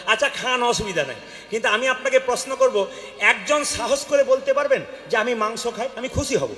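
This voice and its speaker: A man with a Bengali accent giving a devotional sermon, questioning the audience and asking them to answer loudly. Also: very high voice, moderate pace. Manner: questions the crowd and calls for loud replies. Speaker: kirtan preacher. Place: hall with an audience. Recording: echoey hall with long reverb.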